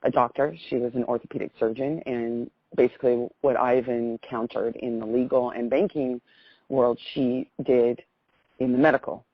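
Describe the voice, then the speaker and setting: With an extremely low pitch and fairly even intonation, this caller talks at a normal speed. She's a middle-aged American woman casually recounting a personal story, effusive and rambling. The phone recording is muffled, with no room sound.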